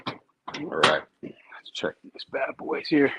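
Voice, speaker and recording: A man's voice: slow, fairly bright tone, slight background noise. A man hosting his own cooking vlog, chatting casually and thinking aloud as he grills. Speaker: cooking show host.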